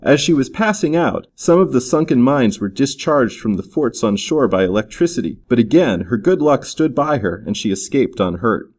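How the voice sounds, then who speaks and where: A man narrating an adventure story in an expressive, storytelling manner. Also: medium pitch, moderate pace, hardly any pauses. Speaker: audiobook narrator. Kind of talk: scripted narration.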